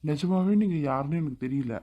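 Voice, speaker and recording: A woman's voice: deep voice, fairly quick, lo-fi sound. A woman voicing a grumpy, dismissive young businessman in a cartoon. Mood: irritated. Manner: irritable, offhand, dismissive. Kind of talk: cartoon voice acting.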